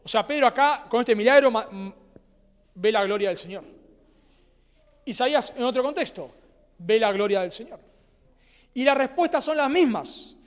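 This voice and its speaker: A male pastor with an Argentine Spanish accent, preaching a sermon earnestly, with dramatic pauses and phrases that trail off softly. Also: extremely high pitch, animated. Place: church sanctuary. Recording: church hall with long reverb.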